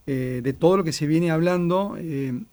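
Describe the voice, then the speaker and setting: A man's voice: on the high side, moderate pace, warm tone. An Argentine man hosting a radio show, asking long, rambling questions. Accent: Argentine Spanish. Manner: rambling questions with repeated words. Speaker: radio host.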